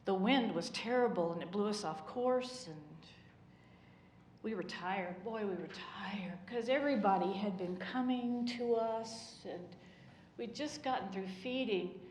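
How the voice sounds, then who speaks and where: Give me a woman voicing an old fisherman who wistfully recalls being exhausted, mid-pitched, in an echoing room. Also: measured pace, darkish tone, slight background noise, natural voice. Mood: weary, wistful. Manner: rambling, wistful storytelling with sighs of exhaustion. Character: old male fisherman disciple, weary and reminiscing. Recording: echoey church room.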